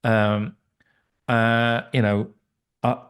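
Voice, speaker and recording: A man's voice: medium pitch, little pitch movement, drawn-out words, fairly bright tone, smooth. A middle-aged man, a musician and producer, talking as a guest in a casual interview, rambling with many restarts and fillers. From England.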